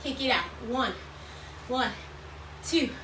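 High, bright woman aerobics instructor. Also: takes it slowly. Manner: encouraging, repetitive cueing while exercising. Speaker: fitness instructor leading a workout. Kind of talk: aerobics instructor calling out moves and counts. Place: small bright room at home, indoors. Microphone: camera or phone several feet away. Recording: roomy, distant mic, clear background noise.

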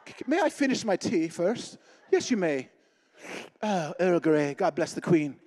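A man's voice: high voice, sing-song, unhurried, darkish tone, exaggerated voice. A man voicing an unflappable, comically polite bomber pilot. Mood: jolly. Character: posh British male WWII bomber pilot, unflappable. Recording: echoing hall reverb.

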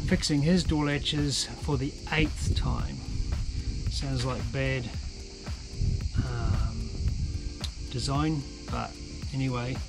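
A man talks through a casual sailing vlog at a mid pitch. He sounds earnest and plain-spoken, and he often restarts his sentences. Music plays clearly behind him. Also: fairly even intonation, drawn-out words, rough recording. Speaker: sailing vlogger.

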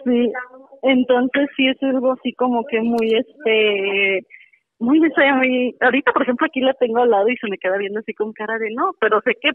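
A woman's voice: on the high side, moderate pace. A woman, phoning in to tell a story in a casual, chatty way, often using fillers. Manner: chatty, many fillers like "este". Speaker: caller. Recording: tinny phone line with music behind.

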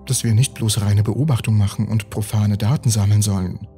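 A man voicing a poised, earnest young woman scientist in a calm, measured way. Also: lowish voice, soft background music, lightly acted.

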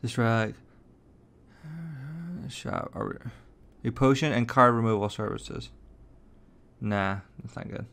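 A man's voice: on the low side, takes it slowly, vocal fry, pauses often, fairly bright tone, smooth. A man hosting a gaming channel, chatting casually and thinking aloud as he plays a card game. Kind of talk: casual gameplay commentary.

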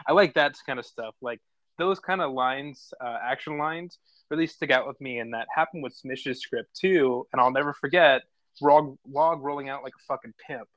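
Hosting and narrating online script table reads, a man gives casual feedback in an enthusiastic, rambling, informal way. His voice is medium-pitched and fairly bright, moving at a moderate pace. The recording has no room sound and poor quality.

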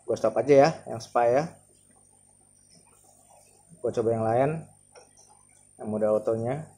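In a home living room, a vlogger in his thirties tries out a massage chair, musing aloud hesitantly and casually in a Jakarta Indonesian accent. He speaks slowly in a warm, mid-range voice with fairly even intonation, over audible background noise and room ambience.

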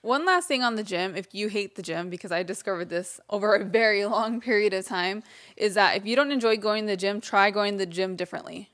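A woman's voice: mid-range voice, fairly quick, fairly bright tone. A woman in her thirties co-hosting a podcast, chatting in a playful, teasing way at a desk microphone in a home studio. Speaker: podcast co-host. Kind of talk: casual podcast chat. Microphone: desk mic on a stand.

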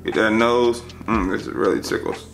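A man's voice: fairly low pitch, fairly even intonation, moderate pace, gravelly. A man vlogging in a casual, joking, laid-back way, talking through a face mask. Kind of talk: casual vlog chat.

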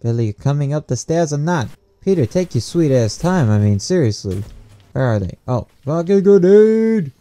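A man's voice: medium pitch, normal speed. A man giving joking, profanity-laced commentary while playing a shooter game. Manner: profane, excitable, joking to himself. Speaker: gamer. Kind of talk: live gameplay commentary.

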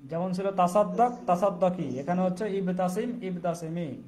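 A man with a Bangladeshi accent teaching a live online Arabic grammar class, drilling verb forms slowly, syllable by syllable. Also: sits high, a crowd in the background.

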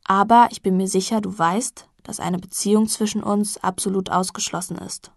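A woman's voice: medium pitch, steady tone, normal speed, vocal fry, no echo, studio quality. A woman reading the part of a hungover young man who talks in a stiff, formal way, as if reading out an apology.

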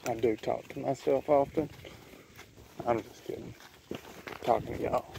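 A man's voice: medium pitch, fairly even intonation, measured pace, gravelly, dark tone. A man, chatting folksily to his horse and his viewers while riding a forest trail. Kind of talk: casual spoken vlog commentary. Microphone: head- or helmet-mounted camera mic. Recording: noisy outdoor camera audio.

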